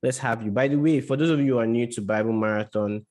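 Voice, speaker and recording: A man's voice: medium pitch, quick pace, darkish tone. A man hosting a church gathering in an informal, conversational style, introducing a guest speaker.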